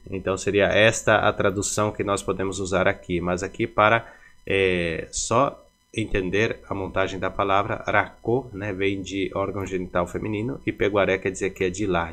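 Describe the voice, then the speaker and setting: A man with a fairly low voice teaches a casual video language lesson. He explains slowly and patiently, padding his sentences with fillers and tag questions. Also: fairly bright tone. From Paraguay.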